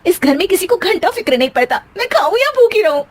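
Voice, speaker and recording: A woman's voice: very high-pitched, big pitch swings, fast talker, voice pushed up. A woman voicing a feisty young daughter-in-law in a storybook tale, sarcastic, huffy and full of exclamations. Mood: sulky. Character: feisty, sulky young daughter-in-law, sharp-tongued and dramatic.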